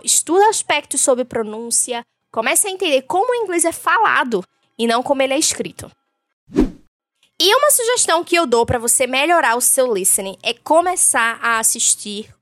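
A woman's voice: on the high side, big pitch swings, moderate pace, fairly bright tone, faint music behind. A Brazilian woman who teaches English, giving a chatty podcast lesson and dropping English terms into her explanations. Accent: Brazilian Portuguese.

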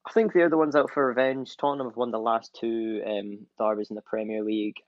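A man's voice: mid-range voice, steady tone, brisk, no echo. A man on a football podcast, talking confidently through his tips on a dull, lo-fi mic. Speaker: podcast panelist. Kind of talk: casual football chat.

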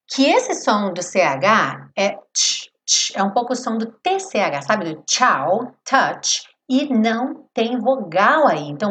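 A woman teaching English in a live online lesson, explaining step by step and slowly modelling English phrases for her students. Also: a little high, fairly bright tone, a little hiss or hum.

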